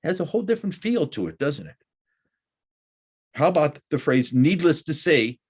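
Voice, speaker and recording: A middle-aged man teaching a recorded college lecture, talking deliberately with frequent "uh" fillers. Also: fairly high pitch, huge pitch swings, darkish tone, breathy edge. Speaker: college instructor.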